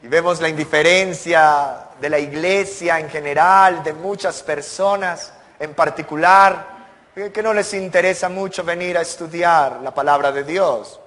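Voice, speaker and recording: A man preaching from the pulpit with a high, ringing voice. He presses his points with earnest rhetorical questions and emphatic climaxes. His words echo with a long reverb through a church sanctuary. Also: measured pace, fairly bright tone. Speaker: pastor. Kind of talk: sermon.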